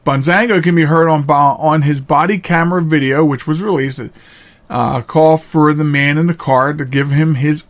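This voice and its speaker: A podcast host delivers a casual, unscripted monologue in a slightly high voice. He's earnest and plain-spoken, halting at times and repeating phrases for emphasis.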